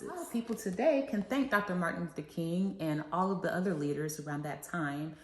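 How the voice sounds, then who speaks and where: A low-voiced woman, working as a children's read-along reader and educator, reads a famous speech aloud and explains it simply for kids. The room sound is echoey and reverberant.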